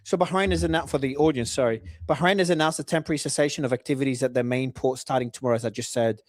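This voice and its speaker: A man's voice: medium pitch, very fast, no echo, clean studio sound. A man hosting a live talk show, reading out news updates and giving his own predictions. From Australia. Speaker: host.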